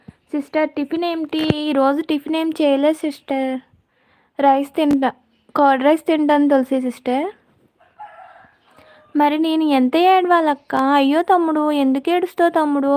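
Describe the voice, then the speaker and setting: A woman's voice: high-pitched, steady tone, a little slow, pauses often, a little mellow. A woman hosting a casual live stream, chatting with viewers and answering their comments by name.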